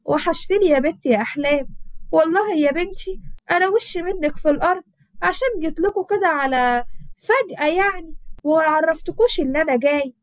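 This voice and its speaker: An older Egyptian mother-in-law, self-pitying and demanding, played by a woman storyteller. She talks quickly in a high voice. The recording is dry and close. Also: no room sound. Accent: Egyptian Arabic.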